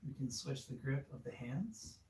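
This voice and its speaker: A man leads a yoga class in a mellow, easygoing voice, cueing each move with casual encouragement. He stands some way from the mic, and the room adds a noticeable echo around his words. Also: mid-range voice, moderate pace, slight background noise. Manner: relaxed, encouraging, with fillers. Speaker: yoga instructor. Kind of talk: guided yoga class instruction. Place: studio room. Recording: echoey room, far from mic.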